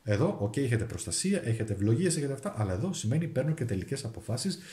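A man's voice: mid-range voice, big pitch swings, warm tone, roomy sound. A man with a Greek accent giving a monthly tarot and zodiac forecast, thinking aloud as he draws and reads the cards. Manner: thinks aloud while drawing and reading cards, with restarts. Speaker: tarot reader.

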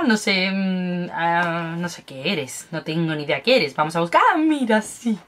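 A young woman chats at home in a casual unboxing vlog. Her voice sits at an ordinary middle pitch, and she gushes happily over everything she opens, piling on diminutives. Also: fairly bright tone, slight background noise. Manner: chatty, gushing over cute snacks, lots of diminutives. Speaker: beauty and snack vlogger.

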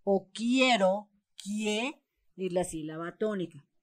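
In a slow, mid-range voice, a woman with a Mexican Spanish accent explains a schoolbook exercise step by step. She patiently emphasizes syllables as she reads example words, and the recording has no echo.

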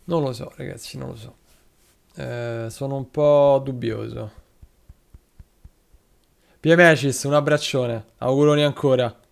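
The voice is male, creaky and medium in pitch. He commentates live on a football manager game, talking to his players, chatting with viewers and thanking subscribers in shout-outs.

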